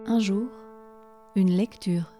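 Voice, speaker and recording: Woman, audiobook narrator, steady, measured, mid pitch. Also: loud music behind the voice. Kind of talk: scripted narration of a classic novel.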